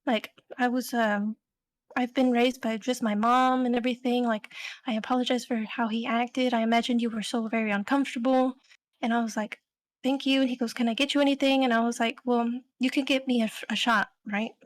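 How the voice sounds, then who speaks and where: A woman's voice: a little high, fairly even intonation, brisk. Chatty young woman telling a story. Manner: rambling, filler-heavy storytelling with "like" and "um". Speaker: podcast co-host. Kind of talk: casual storytelling chat.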